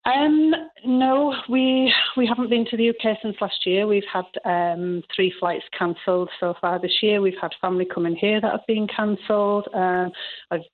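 A woman's voice: medium pitch, fairly even intonation, moderate pace. Yorkshire woman on a tinny phone line. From Yorkshire, England. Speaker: radio phone-in caller. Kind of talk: casual phone-in chat. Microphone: telephone.

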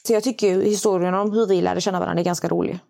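A woman from Malmö, a guest friend on a podcast, chatting casually and telling stories with animated quoted voices. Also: fairly low pitch, creaky, a crowd in the background. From Sweden, Malmö. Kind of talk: casual chat.

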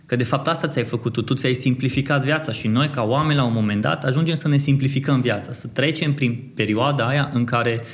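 A man's voice: medium pitch, hardly any pauses. Romanian guy hosting a podcast, rambles through his questions, casual. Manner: thinks aloud in long winding questions. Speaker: podcast host. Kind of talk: conversational interview.

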